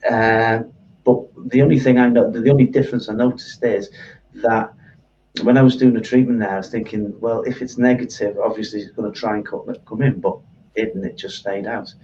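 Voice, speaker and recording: Male guest, hesitant and halting, mellow low voice, recorded at a distance on a muffled line. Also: steady tone, slight background noise. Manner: hesitant, repeats words. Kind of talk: casual interview.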